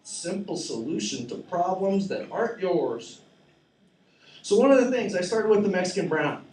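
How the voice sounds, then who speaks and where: A man in his forties rambles through a profane, self-mocking open-mic stand-up set in a small cafe. His voice sits high for a man, and it comes through in an echoey room with the mic set well away from him. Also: very animated, moderate pace, darkish tone, distant mic. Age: 40s. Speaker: stand-up comedian.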